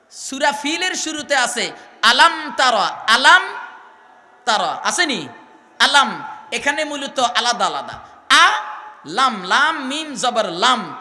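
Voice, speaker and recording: High, bright-voiced Bangladeshi preacher. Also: male voice, slight background noise. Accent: Bangladeshi Bengali. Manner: calls out questions to the crowd, spells out letters slowly. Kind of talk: Islamic sermon.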